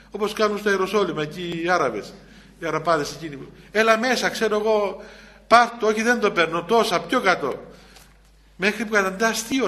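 A male Orthodox priest giving a sermon in a high voice. His tone is bright and ringing. He talks plainly, circling back over the same phrases with small hesitations. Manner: repeats phrases for emphasis, with frequent hesitations and restarts; chants psalm verses in an older liturgical register. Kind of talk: spiritual sermon.

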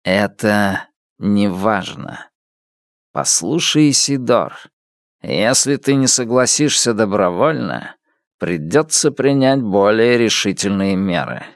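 Cold metallic masked elder, man reading, low voice, unhurried, dry sound. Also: no echo. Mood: coaxing. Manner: calm, coaxing and menacing. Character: cold masked male elder of a secretive collective.

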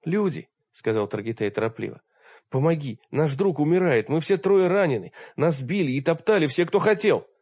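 A man voicing a worn-out young warrior who speaks in a hurried, pleading way. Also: mid-range voice, darkish tone, breathy edge, no echo, dull audio.

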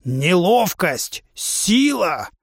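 A man's voice: high-pitched, very animated, drawn-out words, slightly rough, dry recording, studio quality, voice pushed up, exaggerated voice. A man voicing a huge, hot-tempered male musk-ox humanoid who trains fighters with a club, in a blustering drill-sergeant manner. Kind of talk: audiobook character voice.

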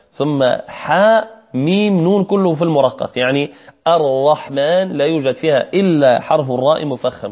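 A man's voice: fairly high pitch, muffled recording. A man teaching Quran recitation, patiently explaining pronunciation and repeating phrases for students to echo. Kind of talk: recitation lesson, modeling verses slowly.

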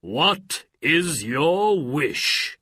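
A man voicing a male genie of a magic lamp, speaking slowly, loudly and solemnly in a storybook reading. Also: on the high side, big pitch swings, breathy edge, dry recording, clean studio sound, voice pushed up, full character voice.

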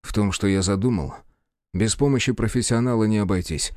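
A man's voice: on the low side, brisk, a little mellow, dry recording, clean studio sound, lightly acted. A man voicing a blunt, sardonic male psychiatric patient who speaks brusquely and sarcastically.

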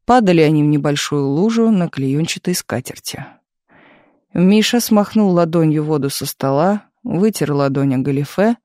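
A man narrating an audiobook in an even, measured storytelling manner. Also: fairly high pitch, dry recording, clean studio sound. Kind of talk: scripted narration.

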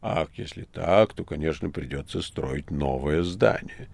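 Мужчина озвучивает надменного древнего князя тьмы — медленно, презрительно и размеренно, в аудиокниге. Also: male voice, rumbling low, lively intonation, gravelly, darkish tone, no room sound, pitched below the performer's own voice, full character voice. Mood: measured. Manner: slow, scornful, measured. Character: haughty ancient male prince of darkness. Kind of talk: audiobook reading.

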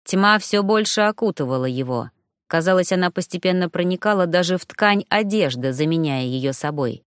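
A woman narrating a first-person fantasy audiobook in a measured, expressive reading. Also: fairly low pitch, smooth, dry recording, clean studio sound. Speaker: audiobook reader.

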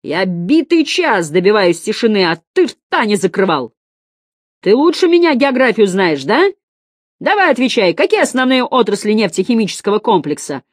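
Cast: woman playing a stern male teacher, loud barking voice, lively delivery. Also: lowish voice, moderate pace, dry recording, clean studio sound, natural voice.

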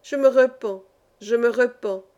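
A woman's voice: fairly high pitch, a little slow, mellow, muffled recording, natural voice. A woman voicing a huge, strong male miner who pleads and confesses, repeating himself, in an audiobook. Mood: pleading confession.

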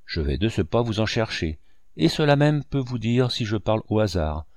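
A man reading the part of a grave, kindly ship's doctor, earnest and gently reproachful. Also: lowish voice, sing-song, moderate pace, no room sound, clean studio sound. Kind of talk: audiobook dialogue reading.

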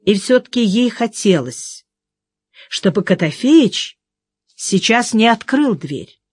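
A woman narrates a novel in a measured, expressive way, her pitch rising and falling widely. She is close to the mic in a dry studio sound. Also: breathy edge, no room sound. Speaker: audiobook narrator. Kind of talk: scripted narration.

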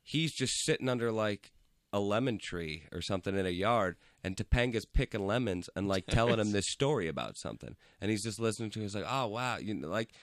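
Young male podcast host, low-pitched, dry close sound, easygoing and profane. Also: animated, fairly quick, no echo. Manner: laid-back, swears freely, lots of "like" and "dude". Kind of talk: casual chat. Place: indoor room with cameras. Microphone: studio mic.

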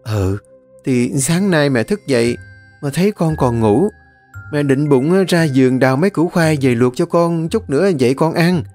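A man voicing a frail elderly mother in an audiobook, speaking in a soothing, unhurried way. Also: fairly high pitch, lively intonation, darkish tone, soft background music, voice pushed up, natural voice. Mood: reassuring. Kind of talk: audiobook character reading.

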